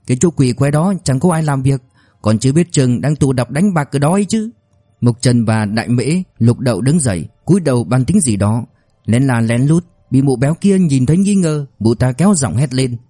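A man narrating a novel as an audiobook in a brisk storytelling manner. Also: medium pitch, mellow, dry recording.

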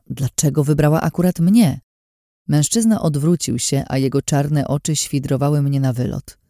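A woman narrating a novel in the first person, in tense, hushed storytelling. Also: a bass voice, no room sound, studio quality. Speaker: audiobook narrator.

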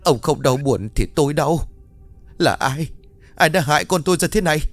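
A man voicing a distraught middle-aged mother, crying and pleading in a raised high voice. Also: expressive, normal speed, darkish tone, soft background music. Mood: anguished accusing.

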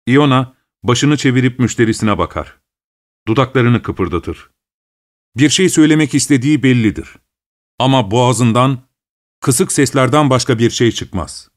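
A man reading a short story aloud in a steady, measured storytelling voice. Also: medium pitch. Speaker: narrator.

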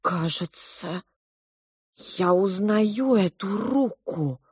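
A woman's voice: on the high side, gravelly, dry recording, studio quality, pitched above the performer's own voice, exaggerated voice. Woman voicing a dreamy little boy. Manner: slow, drifting, then crying out.

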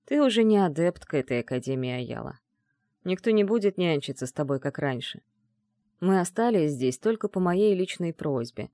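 A man voicing an arrogant male mage mentor who taunts in a calm, low, mocking tone, in an audiobook. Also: normal speed, no room sound, studio quality. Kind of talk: audiobook dialogue reading.

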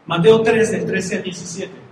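A man preaching a lively sermon, acting out Bible characters and joking with his congregation. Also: high voice, unhurried. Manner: animated, acts out characters, jokes with congregation. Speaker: pastor. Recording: echoey hall, faint background noise.

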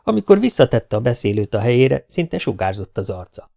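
Man narrating a novel, measured. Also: medium pitch, sing-song, creaky, mellow. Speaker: audiobook narrator. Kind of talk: audiobook narration.

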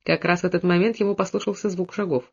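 High-voiced man reading a story aloud. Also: quick pace, vocal fry, husky, dull audio. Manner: steady storytelling, lowers voice for characters' quoted lines. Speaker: audiobook narrator. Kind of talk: scripted narration.

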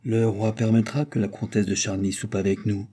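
A man reading aloud and voicing a sad, sharp-witted queen who speaks in a cool, pointed way. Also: lowish voice, steady tone, moderate pace, husky.

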